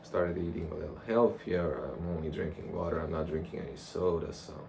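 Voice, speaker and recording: A man's voice: low-pitched, little pitch movement, brisk, mellow. A young man rambling casually and reflectively to a camera, in a loose conversational monologue. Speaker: vlogger. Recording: clear background noise.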